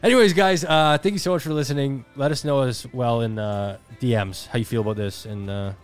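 A man in his thirties co-hosts a podcast in casual, reflective chat, candid and self-deprecating with the odd casual swear. His mid-range voice is steady and brisk, with faint music behind it.

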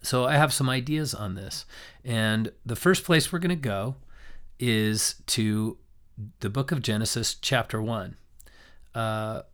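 Teaching a scripture lesson on a recording, the young man sounds hoarse and raspy because of a cold. He speaks slowly in a mid-range, slightly bright voice, thinking aloud and frequently starting sentences over.

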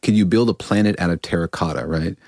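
A man's voice: deep voice, fast, darkish tone, no room sound, clean studio sound. A man co-hosting a podcast in casual, conversational science chat. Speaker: podcast host.

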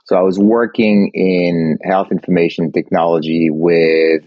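A man from Switzerland who grew up in France, a company CEO giving his background briskly with dry humor. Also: low-pitched, level tone, no echo, lo-fi sound. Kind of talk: interview guest.

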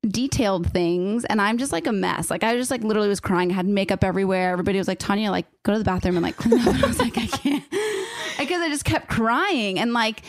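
A woman's voice: medium pitch, rapid-fire, few pauses, no room sound. A woman in her thirties chatting casually, rambling and emotional, with "like" in every sentence. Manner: rambling, says "like" constantly, emotional. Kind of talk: casual chat.

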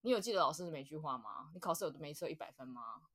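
A woman with a Taiwanese Mandarin accent co-hosting a podcast in casual chat, blunt, swearing and laughing loudly. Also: sits low, lively intonation, racing. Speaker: podcast co-host.

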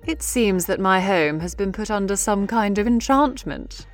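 A man's voice: high voice, expressive, moderate pace, soft background music. A man reading a story, voicing a gracious and scheming female empress with regal, polished speech. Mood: addressing guests.

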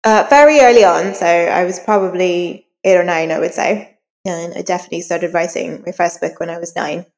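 Her voice is fairly low and a little fast. As an interview guest, she shares personal stories casually, poking fun at herself. The recording carries a long, reverberant hall echo.

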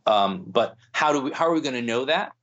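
A man's voice: medium pitch, animated, fairly quick, a bit bright. A man speaking thoughtfully in a podcast conversation, with many restarts and fillers. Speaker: guest speaking on Islam. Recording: dull lo-fi sound.

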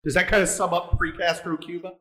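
Male host for a casual interview; bright, pushy, provocative delivery with lots of restarts. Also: high voice, little pitch movement, a little fast, rough recording. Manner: blunt, provocative, rambling with restarts. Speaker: podcast host.

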